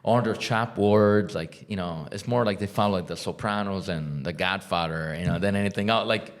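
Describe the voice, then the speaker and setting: A man's voice: sits low, normal speed. A man from Italy, a guest chatting eagerly and leaning on fillers. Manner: eager, repetitive fillers like "like" and "you know". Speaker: guest, bar owner. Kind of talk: casual conversation. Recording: roomy echo.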